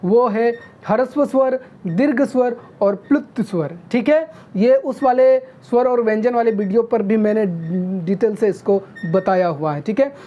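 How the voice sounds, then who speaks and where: A woman teaches a grammar lesson in a fairly high, mellow voice. She stops often to ask "okay?" and sounds out each vowel slowly. The recording is dull and lo-fi. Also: a little hiss or hum.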